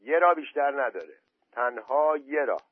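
A man's voice: mid-range voice, expressive, no echo, pitched above the performer's own voice, close to an everyday voice. A man reading aloud as a worried young village man in a story, speaking plainly. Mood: grim. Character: uneasy young villager, son of a pilgrim. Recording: dry, tinny phone-quality audio.

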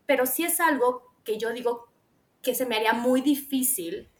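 A woman's voice: on the high side, normal speed. A woman with a Mexican Spanish accent chatting casually as a podcast co-host, acting out her own quotes as she tells stories. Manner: animated storyteller, acts out her own quotes. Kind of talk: casual chat.

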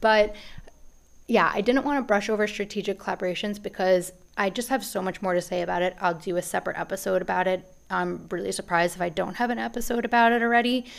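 A woman with a medium-pitched voice and vocal fry hosts a business podcast, delivering a casual, rambling monologue. She restarts often and sounds a little out of breath.

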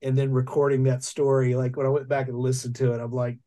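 Mellow-voiced man hosting a podcast chat. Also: mid-range voice, little pitch movement, fast. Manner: rambling, hesitant with many fillers. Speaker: podcast host. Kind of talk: casual chat.

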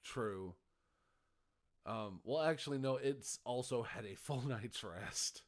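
A man's voice: mid-range voice, slow. A man running a tabletop game as game master, rambling and correcting himself, laughing often.

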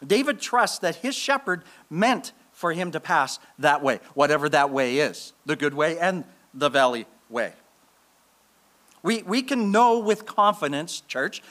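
Canadian pastor preaching with slow emphasis. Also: male voice, on the high side, a bit bright. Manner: slow emphatic repetition of key phrases. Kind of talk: sermon. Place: church sanctuary.

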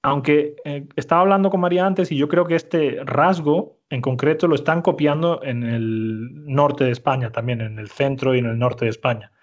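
A man teaches a Spanish lesson in an even, middle voice. He explains step by step and keeps checking that his listeners follow. The recording sounds slightly dull. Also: medium pitch, normal speed, hardly any pauses. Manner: explanatory, frequent "¿vale?" checks. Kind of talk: language lesson.

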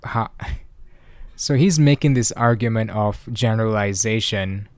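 Young male podcast host, casual solo talk, swears a lot, low-pitched voice, dry close-mic sound. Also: unhurried, a little mellow, no echo. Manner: rambling, profane, laughs often. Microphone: desk microphone, clipping.

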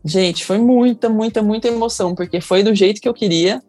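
A woman's voice: mid-range voice, a little fast, darkish tone, no room sound, soft background music. A young woman with a Brazilian Portuguese accent telling her birth story in casual talk, emotional and acting out the people she quotes. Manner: emotional, acts out quoted people in raised voices.

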